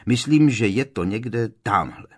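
A man's voice: on the low side, animated. A man voicing a tense young wizard. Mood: urgent.

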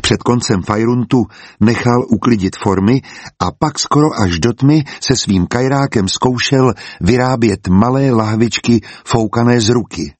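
A man narrating a storybook as an audiobook, in a calm and even way. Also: mid-range voice, no room sound.

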